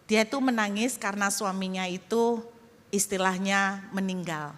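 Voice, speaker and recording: Bright-voiced woman preacher telling a story. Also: mid-range voice, moderate pace. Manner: lively, addresses the congregation directly. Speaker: pastor. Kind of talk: storytelling sermon. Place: church hall. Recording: echoey church hall.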